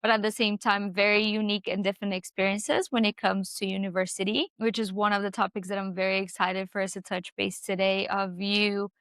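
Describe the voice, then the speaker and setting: A woman's voice: mid-range voice, flat delivery, a little fast, few pauses, fairly bright tone, clean tone, no echo, studio quality. A woman hosting a podcast, upbeat and encouraging toward her guest. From Brazil. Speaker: podcast host. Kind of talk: casual podcast interview.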